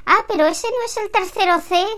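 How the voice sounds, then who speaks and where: A confused older lady with a high, quavering pitch flutters out questions and apologies, as a woman acts her out. Her manner stays flustered and sheepish. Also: a little fast, a bit bright.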